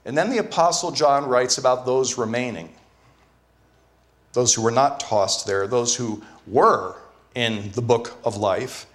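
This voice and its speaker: A man's voice: mid-range voice, a little slow, a bit bright. A man preaching a sermon as pastor, earnest and teaching, repeating key phrases for emphasis. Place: church.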